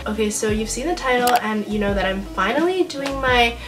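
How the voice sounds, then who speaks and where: Speaking briskly and expressively in a fairly high voice, a Honolulu vlogger aged around 16 or 17 talks casually to camera from her small bedroom. Her American-accented chatter is slangy and self-deprecating, with music playing behind and poor audio.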